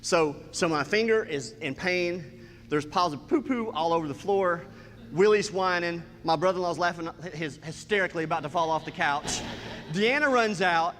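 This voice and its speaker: An animated man spins a comic personal story, his voice sitting a bit high. Long hall reverb trails each phrase, with faint ambience behind. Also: moderate pace, a little hiss or hum. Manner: animated, acts out scenes and quotes.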